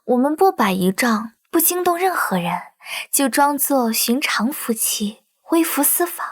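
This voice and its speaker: An actress playing a young imperial consort in a costume drama, with coy, deferential courtly speech. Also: female voice, sits high, lively intonation, measured pace, dry recording, studio quality. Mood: coaxing, sweet. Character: young imperial consort, coaxing, sweet and secretly scheming.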